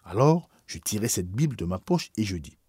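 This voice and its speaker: Low husky guy reading a memoir, dark mellow tone, pitch moves around a lot. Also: big pitch swings, moderate pace, no room sound, clean studio sound. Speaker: audiobook reader. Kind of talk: scripted narration of a memoir.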